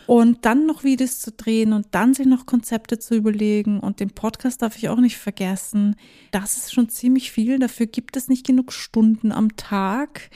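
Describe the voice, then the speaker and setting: A German-speaking woman hosts her own podcast alone, chatting casually, dropping in English phrases, and laughing now and then. Her voice is fairly high and mellow, with fairly even intonation and normal speed.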